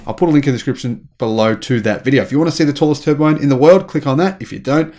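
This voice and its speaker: Enthusiastic man in his thirties, hosting his own tech-news channel from a small home room. He talks animatedly, waving his hands as he goes. His voice sits at an everyday middle pitch. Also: rapid-fire, mellow. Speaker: channel host. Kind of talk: energetic news commentary.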